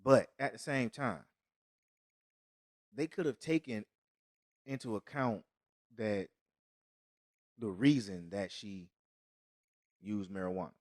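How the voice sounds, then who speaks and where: A man's voice: lowish voice, slow, pauses often, a little mellow, no echo, studio quality. A man co-hosting a podcast in casual, profane chat, emphatic and often restarting mid-thought. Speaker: podcast co-host.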